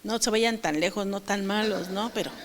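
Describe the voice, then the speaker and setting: A woman's voice: medium pitch, moderate pace, long reverb tail. A woman pastor preaching a sermon, asking the congregation questions and acting out quotes.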